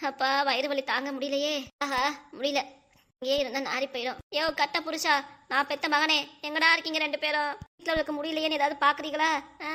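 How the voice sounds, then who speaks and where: A high-voiced cartoon village mother, voiced by a woman, moaning and whining through stomach pain. She complains and scolds her family in a drawn-out, groaning way. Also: little pitch movement, bright, forceful tone. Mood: groaning, whiny. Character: ailing middle-aged village mother, complaining. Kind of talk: cartoon voice acting.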